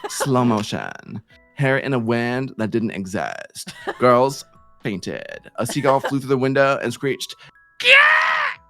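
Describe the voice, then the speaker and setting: A man streamer reading silly fan fiction aloud in a playful, animated storytelling way with sudden shouts. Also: medium pitch, slow, soft background music.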